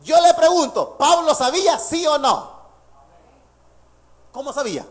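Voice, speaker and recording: A male pastor preaching a sermon, lively and laughing between points, quizzing the congregation with questions. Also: extremely high pitch, measured pace.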